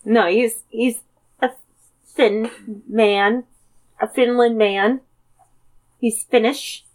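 A woman's voice: on the high side, fairly even intonation, extremely slow. A woman from the United States in a casual brainstorming chat, rambling with lots of fillers and frequent giggles.

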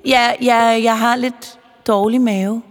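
Lady doing a cheeky little girl, high and yelling, hiding stuff, storybook read with reverb and faint music. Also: steady tone, natural voice. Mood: shrill defensive. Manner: loud, shrill outbursts. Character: cheeky, secretive young girl.

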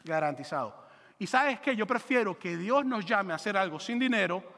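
A man preaching a sermon as pastor, animated and joking, acting out quick voices for biblical characters. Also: sits high, gravelly, in a large hall.

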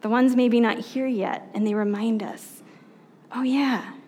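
A woman pastor giving a conversational sermon, reflective and unhurried, who often asks her listeners rhetorical questions and pauses with soft fillers. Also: on the high side, fairly even intonation.

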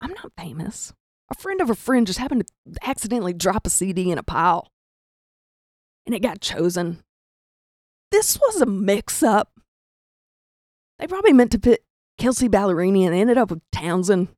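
A young comedian from the rural American South tells a funny, self-deprecating story, acting out the voices of its characters. Her medium-pitched, darkish voice swings widely in pitch at a moderate pace with long pauses, recorded in dry studio quality.

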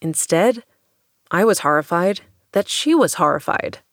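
Podcast host, female, thirties, lower register, scripted but conversational narration, very dry sound. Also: animated, unhurried, a bit bright, dry recording. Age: 30s.

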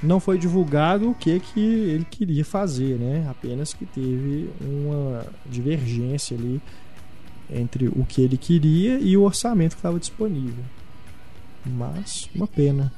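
Male podcast host, relaxed and fairly high voice, casual news chat over faint music. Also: unhurried.

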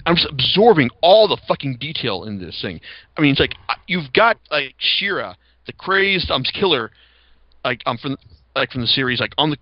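A man's voice: mid-range voice, very animated, normal speed, no echo. Rambling, enthusiastic podcast host, a man. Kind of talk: casual podcast review chat. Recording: slightly dull lo-fi sound.

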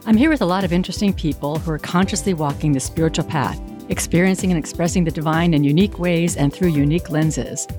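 This reverend hosts a spiritual podcast, and in the interview she introduces and questions her guest with warm, effusive enthusiasm. Her voice is low and she talks fast with hardly any pauses, with music playing underneath.

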